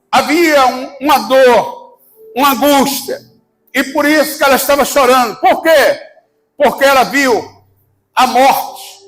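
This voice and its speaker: A Brazilian man preaching a sermon as pastor, fervent and shouting, calling the congregation to answer back. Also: very high voice, low-quality recording. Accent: Brazilian Portuguese. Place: church service.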